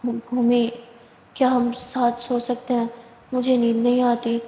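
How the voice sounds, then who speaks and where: Narrator doing a caring young woman lawyer for an audio story, soft, flat, dark tone, echoey room. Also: on the high side, natural voice. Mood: tender. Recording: echoey room, long reverb, faint hiss.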